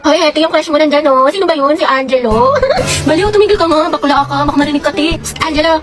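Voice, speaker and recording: A woman's voice: high-pitched, fast talker, a crowd in the background. A woman acting out playful, teasing schoolgirl banter in a comedy skit. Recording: music playing behind.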